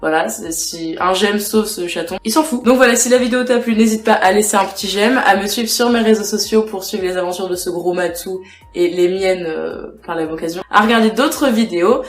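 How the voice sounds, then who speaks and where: A woman's voice: medium pitch, brisk. Chatty young woman in an echoey room. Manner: chatty, addresses viewer directly. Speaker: vlogger. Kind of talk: casual vlog tips. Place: indoors at home with a cat. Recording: echoey room with faint music.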